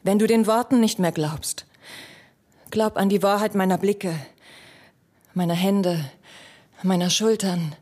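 An actress voicing a young noble wife who pleads with her jealous husband in a dramatic stage monologue. She speaks slowly and deliberately, at an even middle pitch. Her delivery stays intimate and often sinks to a whisper. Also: lightly acted. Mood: tender.

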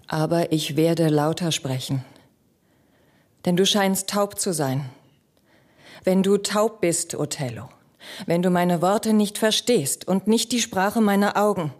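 Desdemona, a woman playing a soft-spoken young wife. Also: lowish voice. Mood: tender. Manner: measured, intimate, often sinking to a whisper. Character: young noble wife pleading with her jealous husband. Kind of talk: dramatic monologue.

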